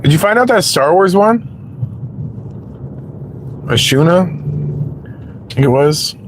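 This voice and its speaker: A man's voice: on the high side, animated, slow, background noise. Chatty man streaming from his car. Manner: chatty, rambling, swears freely. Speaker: rideshare driver live-streaming to chat. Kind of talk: casual chat to a live stream.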